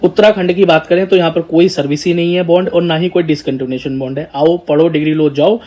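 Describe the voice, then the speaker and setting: A man's voice: a little high, fairly even intonation, fast, a little mellow. Chatty man explaining to students. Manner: chatty, addresses viewers as brother and child. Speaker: educator, channel host. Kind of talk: casual explanatory talk to students.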